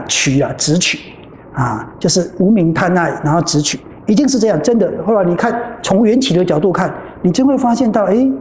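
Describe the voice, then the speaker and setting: A Buddhist nun with a Taiwanese Mandarin accent gives a dharma talk in a temple hall. Her voice is lowish and mellow, but it swings widely as she acts out her stories. The sound is roomy, with faint noise behind it.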